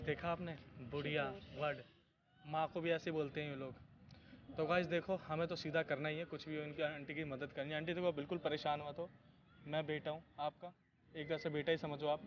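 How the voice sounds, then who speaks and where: Fast-talking male host, outdoor noise. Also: a little high, little pitch movement, highs cut off. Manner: reassuring, addressing viewers. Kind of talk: prank video presenting. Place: outdoors in a park.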